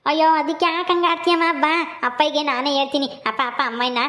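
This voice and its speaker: A simple-minded grown village son, acted by a woman, who coaxes and pleads with his mother. His voice is very high and his words come quickly. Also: bright, forceful tone. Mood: coaxing. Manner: coaxing, pleading.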